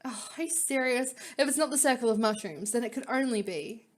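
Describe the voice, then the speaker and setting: Woman, slightly high pitch, visual novel read-aloud, dramatic narration, casual wry asides. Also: fairly quick. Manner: dramatic reading broken by wry, giggly commentary. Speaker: player reading game story aloud.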